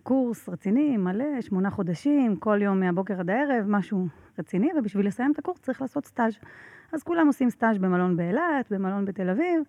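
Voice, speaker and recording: A woman, a podcast guest, telling a story in a casual interview, animated and laughing often, with lots of fillers. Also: medium pitch, no room sound.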